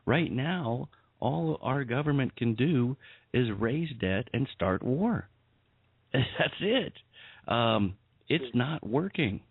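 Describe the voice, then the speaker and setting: A male guest advocate on a radio show, speaking earnestly and in a measured way. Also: medium pitch, expressive, breathy edge, dry recording. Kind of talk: earnest call-in talk. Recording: dry tinny phone line.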